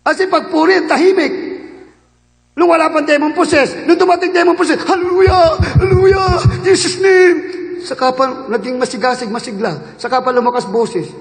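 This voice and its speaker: High-pitched gravelly preacher, echoey hall. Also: male voice, fairly even intonation, brisk. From Philippines. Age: 50s. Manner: fervent, shifts between shouting and low asides. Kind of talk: sermon. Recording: echoey hall with long reverb.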